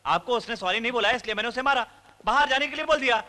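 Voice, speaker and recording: A cocky taunting action hero. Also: male voice, very high-pitched, racing, big-room sound. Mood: earnest. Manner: swaggering, taunting. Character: cocky hero playing a double role. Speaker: hero in a dubbed action film. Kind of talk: Hindi film dubbing. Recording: film soundtrack with loud music.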